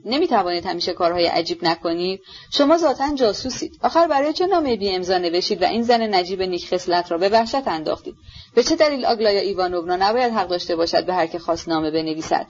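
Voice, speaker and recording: A woman voicing an earnest young gentleman who sternly reproaches someone in a storybook reading. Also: medium pitch, lively intonation, dull audio, close to an everyday voice. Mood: reproachful.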